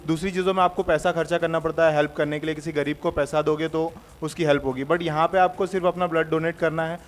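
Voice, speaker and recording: A man who has donated blood, answering an interviewer in a relaxed, reassuring way with English phrases mixed in. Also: on the high side, quick pace. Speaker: blood donor guest.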